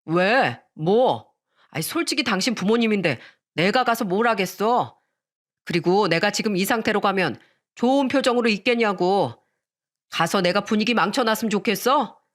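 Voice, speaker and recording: A woman's voice: mid-range voice, expressive, normal speed, close to an everyday voice. Grumpy dismissive husband in his forties for a radio story, curt and sulky, voiced by a woman. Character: surly lazy middle-aged husband, male.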